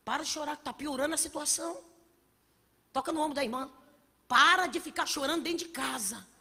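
A woman preaching a sermon with passion, swinging between shouts and hushed asides, in a church hall. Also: high-pitched, a little fast. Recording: long reverb of a large hall.

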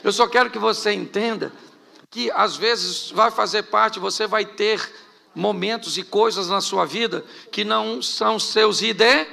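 A middle-aged Brazilian pastor preaches in a high, heavily gravelly voice. His tone is sharply bright and forceful. He fires off rhetorical questions and mixes in joking asides. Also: measured pace. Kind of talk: sermon.

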